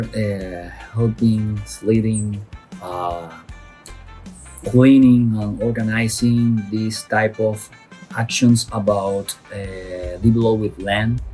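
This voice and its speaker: Slow, halting man from Colombia. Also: on the low side, mellow. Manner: halting, many pauses and fillers. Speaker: program participant. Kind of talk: testimonial.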